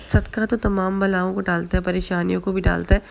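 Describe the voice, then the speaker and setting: A woman giving casual religious advice in a vlog, hoarse from a flu and sore throat, chatty and full of repeated fillers. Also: on the low side, level tone, noisy background. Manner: chatty, repeats fillers, mixes in English words. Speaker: vlogger.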